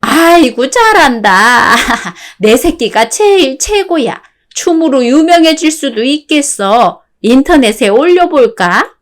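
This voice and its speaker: A woman's voice: sits high, big pitch swings, slow pace, hardly any pauses, exaggerated voice. A woman voicing a pushy older mother-in-law in a radio drama, chuckling and coaxing as she fawns over her son. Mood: gushing.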